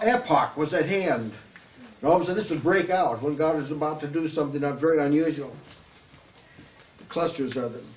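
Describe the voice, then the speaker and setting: Older preacher with a high, echoey voice. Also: male voice, darkish tone. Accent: Southern US. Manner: earnest, emphatic preaching with halting restarts. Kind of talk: sermon. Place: small room before a curtain backdrop, at a lectern. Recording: echoey room, slightly distant mic, faint hiss.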